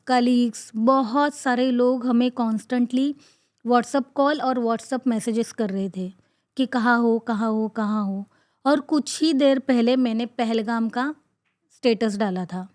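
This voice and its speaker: A woman podcast host tells her own story in an earnest, halting way, pausing often and filling gaps with short sounds. She repeats words for emphasis. Her voice sits a little high, and the recording is dry with no room sound. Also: darkish tone, no room sound. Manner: halting, with frequent pauses and fillers. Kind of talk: personal storytelling.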